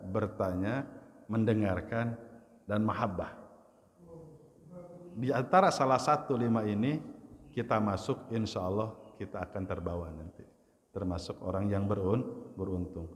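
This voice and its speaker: A man giving a casual Islamic study lecture in a mosque, telling stories and mimicking the people he quotes. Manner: storytelling, acts out voices of questioners with high pitch. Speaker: Islamic religious teacher. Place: mosque hall. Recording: long hall reverb.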